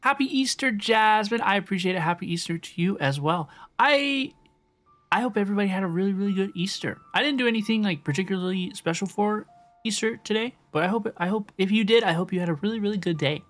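A young woman speaks fast in a mid-range voice while gaming on a live stream, chatting casually with her viewers and repeating phrases often. Music can be heard in the background.

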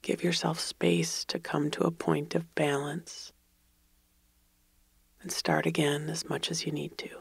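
A meditation guide whispering slow, soothing guidance close to the mic. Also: mid-range voice, little pitch movement, vocal fry, slightly rough, dry recording.

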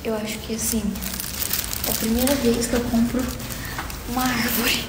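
A woman's voice: a little high, little pitch movement, moderate pace, echoey room, background noise. A young adult woman vlogging casually at home, chatty and playful, with rambling asides. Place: room at home.

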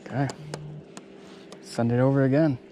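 Filmed on a head-mounted action camera as he fishes from a kayak on a lake, a young man talks to his viewers in a relaxed, chatty way. His voice is medium in pitch at normal speed, and the audio is dull with background noise.

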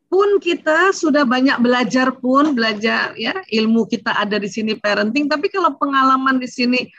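Animated woman lecturing on parenting. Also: high voice, moderate pace, no room sound, muffled recording. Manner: animated, asks herself questions in the audience's voice. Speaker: seminar speaker on parenting. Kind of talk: religious parenting seminar talk.

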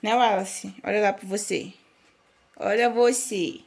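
A woman's voice: mid-range voice, steady tone, unhurried, creaky. A young woman from Brazil with a Brazilian Portuguese accent, chatting casually to her viewers in a vlog as a new mother. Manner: chatty, talks to viewers as "gente" and to her newborn.

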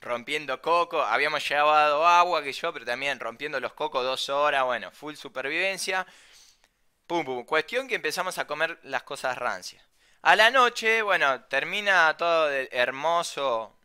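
A young man with a Rioplatense Spanish accent casually telling a travel anecdote, slangy and animated, swearing freely. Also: a little high, moderate pace, smooth. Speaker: storyteller.

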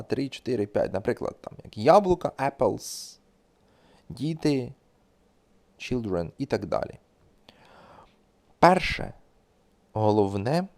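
A man's voice: fairly low pitch, a little mellow. A man giving a spoken grammar lesson as an English teacher, explaining patiently and repeating example words.

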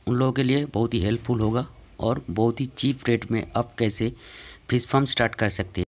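A man hosting his channel, giving a plain step-by-step how-to narration about setting up a tank. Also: mid-range voice. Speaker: channel host.

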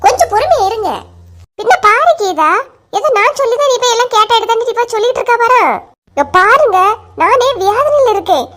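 A woman speaking in a Kanyakumari Tamil accent at a very high pitch. She voices a cartoon comedy, switching quickly between bickering village women. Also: expressive, a bit bright. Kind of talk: cartoon character voicing.

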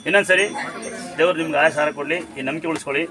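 Racing through his words in a steady-toned voice on the high side, a man blesses devotees on outdoor temple grounds. He prescribes home remedies, giving commands and repeating them amid surrounding crowd noise.

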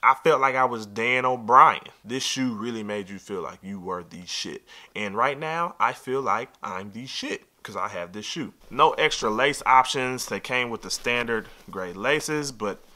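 A man in his thirties unboxing and reviewing sneakers with open excitement. His voice is bright and forward, and he speaks right to the viewer with strong opinions. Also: medium pitch, unhurried, few pauses.

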